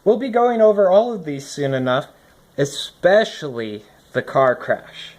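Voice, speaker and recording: A person reads a scripted lesson in a medium-pitched, sing-song voice that is unhurried and a little mellow, breaking in with think-aloud asides to explain. It was recorded indoors by a phone above a desk.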